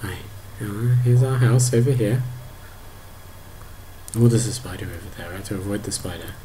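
A man in his thirties narrating a video game to his toddler, animated, exclaiming and making playful sound effects. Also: lowish voice, normal speed, a little hiss or hum. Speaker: parent playing a video game.

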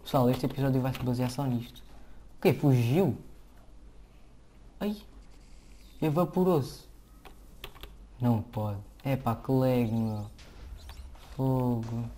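A man with a European Portuguese accent giving casual, excitable, slangy commentary to viewers while he plays a game at his computer. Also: mid-range voice, takes it slowly, long pauses. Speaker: gameplay commentator. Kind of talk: casual let's-play commentary. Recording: keyboard clicks and typing behind.

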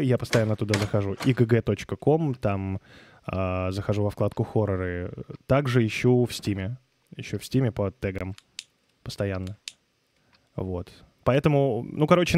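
A man's voice: fairly low pitch, darkish tone. A man live streaming a game into a close microphone, commenting informally, muttering in puzzlement, swearing and chatting with viewers. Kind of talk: casual gaming live stream commentary, reading and answering chat.

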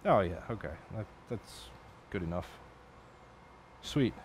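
An adult man with a low-pitched, expressive voice speaks slowly, with a little hiss or hum behind him. He streams as an electronics hobbyist, building at his home workbench late at night and chatting in a rambling, profane, self-correcting way.

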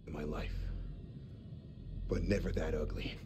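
An actor playing a rattled but loyal American army sergeant in a video game, plain-spoken and frank, with an American accent. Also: male voice, very deep voice, little pitch movement, measured pace, noisy background. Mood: shaken, frank. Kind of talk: dramatic video game acting. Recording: game music behind the voice.

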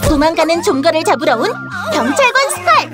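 Cartoon intro announcer, very high childlike pitch, hugely animated, playful exclamatory narration, music behind. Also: a little fast. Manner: exclamatory, playful show-presenter delivery.

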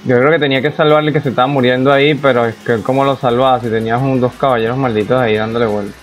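A man's voice: mid-range voice, fairly even intonation, rapid-fire, poor audio. Man casually narrating his gameplay. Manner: chatty, reacts aloud to the game, talks to himself. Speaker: gaming YouTuber. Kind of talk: casual let's-play commentary.

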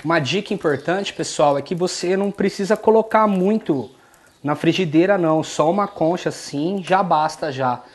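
Slightly high-voiced and speaking at normal speed, a Brazilian man in his thirties hosts a casual cooking show. His Portuguese carries an interior São Paulo accent, and he stays relaxed and chatty while addressing viewers, in a home kitchen and at an outdoor street market.

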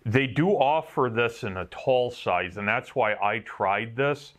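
A Wisconsin-accented welder rambles offhandedly through a review of his work gear, poking fun at himself and swearing now and then. His voice is medium in pitch and fairly bright, animated yet delivered at a measured pace.

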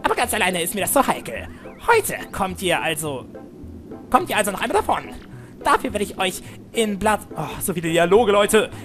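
A man's voice: high voice, big pitch swings, moderate pace, fairly bright tone, soft background music, pitched above the performer's own voice. A man reading aloud the lines of a scheming, pompous male villain from a game. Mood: gloating.

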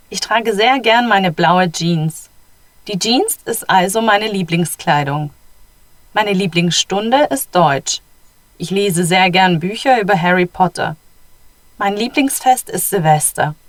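A woman reading the part of a friendly schoolgirl introducing herself on a language-textbook audio track, in slow, clear, dry studio sound. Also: mid-range voice, dry recording.

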